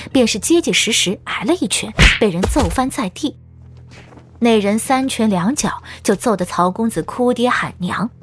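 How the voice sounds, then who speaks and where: A woman narrator reading a scripted story for an audiobook. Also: on the high side. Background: background music.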